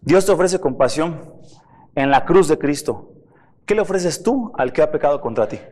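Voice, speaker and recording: A man's voice: on the high side, expressive, normal speed, a little mellow, long reverb tail. A man preaching a sermon as pastor, emphatic, asking the listeners rhetorical questions. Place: church.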